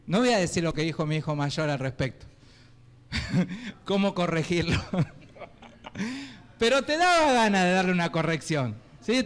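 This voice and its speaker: High-voiced Rioplatense pastor preaching. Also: male voice. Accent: Rioplatense Spanish. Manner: animated, conversational, asks the congregation questions. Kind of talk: sermon. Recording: echoey hall with guitar music.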